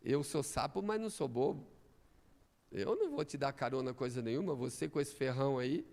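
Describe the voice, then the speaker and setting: Wary, scoffing frog played by a man, quiet and gravelly, in a reverberant church. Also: mid-range voice, animated, a little fast, voice pushed down. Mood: scornful. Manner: suspicious, dismissive. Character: wary, scornful male frog in a fable. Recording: echoey church hall.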